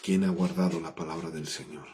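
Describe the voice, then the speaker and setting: A man's voice: low-pitched, steady tone, a little fast, dark tone, slight background noise. A Mexican Spanish-speaking man preaching a Bible study, reading scripture aloud and then explaining it in his own words with frequent restarts.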